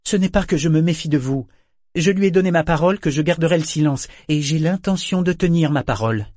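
A man voicing a strong-willed, quick-tempered young woman in an audiobook, speaking in a sharp, indignant way. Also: on the high side, no room sound, studio quality, pitched above the performer's own voice, lightly acted. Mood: firm. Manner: sharp, raised, indignant delivery. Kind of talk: audiobook character voice.

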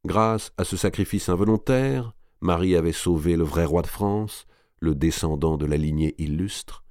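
Male audiobook narrator, very low voice, dry close sound, measured novel reading. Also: darkish tone, no room sound. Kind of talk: scripted narration of a historical novel.

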